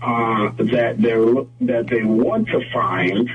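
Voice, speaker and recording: A man from Trinidad and Tobago, a guest photographer, explaining things in a measured way during a radio interview. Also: medium pitch, fairly even intonation, far from the mic, dull audio. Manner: measured, explanatory, with frequent "mm-hmm" and "whatnot".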